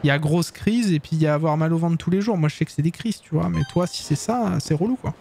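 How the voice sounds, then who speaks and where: A man's voice: fairly high pitch, quick pace, creaky, mellow, a little hiss or hum. A man streaming, chatting casually and teasingly with his viewers in slangy talk.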